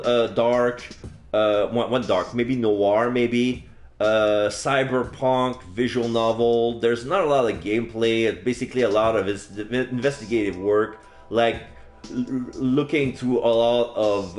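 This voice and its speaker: A French Canadian man in his forties, with a French Canadian accent, chats casually on a live stream, rambling with lots of fillers and restarts. His voice is mid-range and the audio reverberant.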